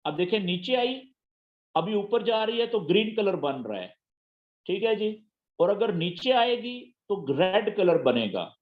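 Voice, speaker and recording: In a screen-share tutorial, a man patiently teaches a trading app step by step, repeating key terms and checking understanding. His high-pitched voice swings widely in pitch and moves a little slowly, with phone-quality sound.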